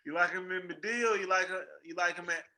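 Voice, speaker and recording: A man's voice: high-pitched, fairly quick, pushed and bright. A man joking and teasing his friends in a casual group chat. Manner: teasing, jokey banter.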